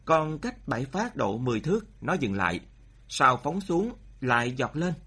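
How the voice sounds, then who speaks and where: Husky expressive male storyteller. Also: mid-range voice, moderate pace. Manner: expressive, shifting pace for drama. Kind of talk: storytelling narration.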